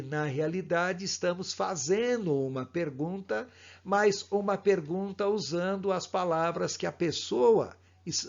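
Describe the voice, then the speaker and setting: A man, giving a recorded course lecture on counseling in a measured, didactic way. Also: high-pitched, a little mellow. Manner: slow, measured, didactic explanation. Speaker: instructor in pastoral counseling. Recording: dull lo-fi recording.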